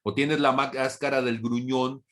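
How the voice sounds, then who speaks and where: A man teaching a Bible study as a pastor, speaking deliberately, asking rhetorical questions and briefly acting out imagined exchanges in a raised voice. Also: medium pitch, flat delivery, a bit bright. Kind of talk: sermon.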